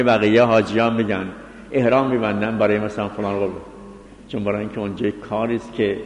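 A man's voice: lowish voice, reverberant, long reverb tail. A man giving a lecture on religious law, reading Arabic passages and explaining them point by point. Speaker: seminary teacher of Islamic law. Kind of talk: jurisprudence lecture.

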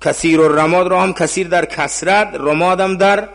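Gravelly-voiced male seminary teacher lecturing. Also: high-pitched, fairly even intonation. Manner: reads Arabic phrases then explains them in Persian, quizzing students. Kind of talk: classroom lecture explaining an Arabic text.

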